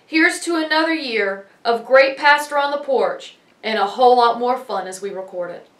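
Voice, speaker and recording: High-voiced woman narrating, echoey and distant. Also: normal speed, fairly bright tone. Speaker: video narrator. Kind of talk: scripted voice-over narration.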